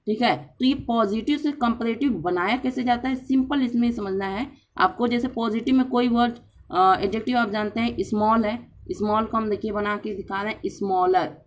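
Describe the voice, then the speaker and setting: Patient woman teaching grammar. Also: a little high. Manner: patient, repeats points with check-ins. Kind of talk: explanatory lesson.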